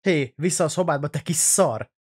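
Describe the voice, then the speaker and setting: Man playing a gruff scolding father. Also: fairly high pitch.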